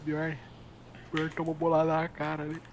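A man's voice: on the high side, monotone, normal speed, crowd noise. A man with a Brazilian Portuguese accent chatting casually as a teammate during an online game. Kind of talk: casual chat during gameplay. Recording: voice chat under loud game noise.

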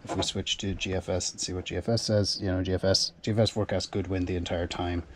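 An Irish solo sailor vlogger with a low, level voice talks fast through his plans in casual, explanatory vlog narration, methodically thinking aloud and often repeating or doubling back on words. He records in the cabin and engine bay of his small boat, with a steady layer of noise behind him.

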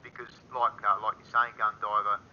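A man hosting a casual community voice call, relaxed and chatty, calling people dude and mate. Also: lowish voice, normal speed, highs cut off, slight background noise. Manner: laid-back, calls people dude and mate. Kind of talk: casual chat.

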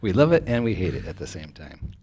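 Low-voiced man explaining at length. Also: fairly quick, slight background noise. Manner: lecturing, steady and explanatory. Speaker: host. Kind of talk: explanatory talk-show discussion. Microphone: stand mic at table.

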